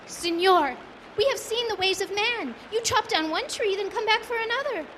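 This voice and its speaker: A woman's voice: animated, fairly bright tone, a little hiss or hum. A woman voicing an agitated, chattering female monkey in a storybook. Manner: high, quick chattering delivery.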